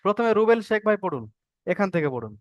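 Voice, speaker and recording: A high-voiced man with a smooth, clear tone leads an online class, patiently repeating each point and drilling letter sounds. His voice sits close and dry on the call. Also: big pitch swings, fast talker, no echo, highs cut off. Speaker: Quran reading teacher. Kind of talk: online Arabic letter-reading lesson.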